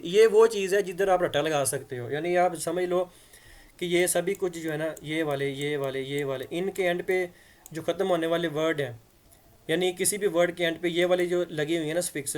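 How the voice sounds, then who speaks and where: Male grammar teacher, a bit high-pitched, chatty explainer who spells words aloud. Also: fairly even intonation, normal speed. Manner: conversational, checks understanding with repeated "theek hai". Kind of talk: explanatory lesson in Hindi-Urdu.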